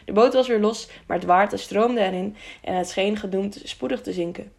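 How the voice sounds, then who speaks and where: Woman reading an audiobook, mid pitch, bit of vocal fry. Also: normal speed. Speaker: audiobook narrator. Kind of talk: audiobook narration.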